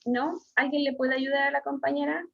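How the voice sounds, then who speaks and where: Chilean woman teacher, high voice, halting with fillers, dull video-call sound. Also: level tone, vocal fry. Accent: Chilean Spanish. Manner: hesitant, many fillers, asks pupils questions. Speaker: schoolteacher. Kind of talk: online class lesson.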